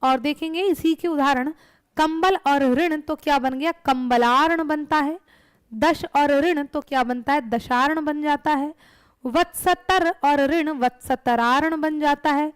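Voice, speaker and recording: A woman's voice: high voice, unhurried, no echo. A woman teaching a grammar lesson for exam preparation, explaining step by step and answering her own questions.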